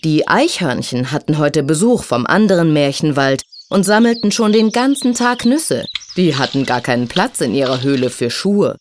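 A woman reading a children's story aloud in an expressive, sing-song way. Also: sits low, normal speed, few pauses, a little hiss or hum.

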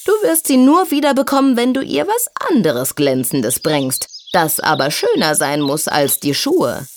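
A woman's voice: deep voice, huge pitch swings, normal speed, a little hiss or hum, full character voice. A woman voicing a lazy, sly female snake who talks in a drawling, knowing way.

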